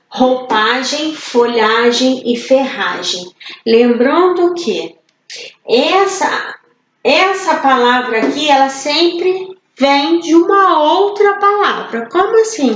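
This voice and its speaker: A woman from Brazil with a high voice teaches children in a slow, patient way, asking questions and then answering them herself. Her voice sounds roomy and a bit dull, like a home recording. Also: animated. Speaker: primary school teacher. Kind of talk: online class for children.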